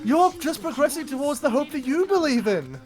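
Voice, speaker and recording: A woman's voice: sits high, big pitch swings, brisk, a little mellow. Woman doing an eerie admiring young man. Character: eerie calm young man praising hope.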